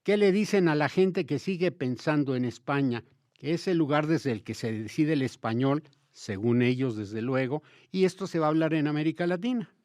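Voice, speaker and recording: A man's voice: a little high, normal speed, dry recording, studio quality. Emphatic Mexican man explaining Spanish usage. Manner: lively, emphatic, addresses listeners directly. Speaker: host of a language talk show. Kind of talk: conversational explanatory talk.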